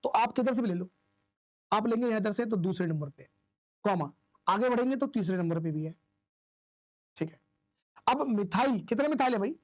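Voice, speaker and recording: A man's voice: high-pitched, darkish tone, no echo. A man teaching chemistry in a classroom-style lecture, asking questions and answering them himself while counting aloud. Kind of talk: classroom lecture explaining isomer naming.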